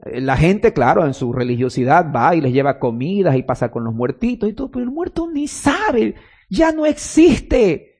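Husky-voiced man preaching a sermon. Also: a little high, big pitch swings, moderate pace, darkish tone. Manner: preaching with stories and rising emphasis. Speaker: pastor.

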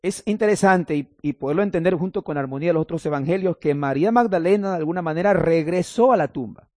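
A man preaches in a fairly high voice, recorded dry and close. He reads scripture passages and then explains them to his congregation. Now and then he drops in playful asides. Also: fast, a little mellow, no echo. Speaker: pastor. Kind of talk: sermon.

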